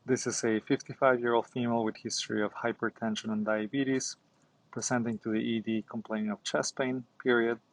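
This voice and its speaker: A man's voice: mid-range voice, little pitch movement, brisk, dry recording, low-quality recording. A man, a doctor, doing medical dictation in clipped phrases, speaking punctuation and commands aloud. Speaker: doctor and founder demonstrating dictation.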